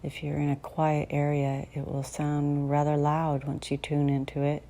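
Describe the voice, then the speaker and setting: In a low-pitched, monotone voice, a woman guides a meditation slowly and soothingly, with long gaps between phrases. Her soft delivery occasionally sinks to near a whisper, over a faint bed of background noise and ambience.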